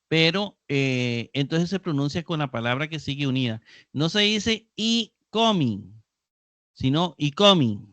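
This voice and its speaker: A man leads a live online Greek grammar class at an unhurried pace, patiently repeating key terms. His voice sits a little high and sounds dry and close to the mic. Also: a bit bright, no echo. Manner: patient, explains slowly and repeats key words. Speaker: Greek teacher.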